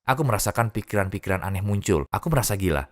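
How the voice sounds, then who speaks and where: Man, low voice, quick pace, earnest dubbed testimony. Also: animated. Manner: earnest storytelling. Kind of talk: dubbed first-person testimony.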